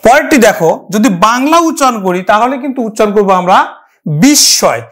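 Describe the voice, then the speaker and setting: A woman teacher giving a pronunciation lesson, explaining step by step, repeating each word slowly and speaking straight to her students. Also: fairly high pitch, animated, a bit bright. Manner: addresses the class directly.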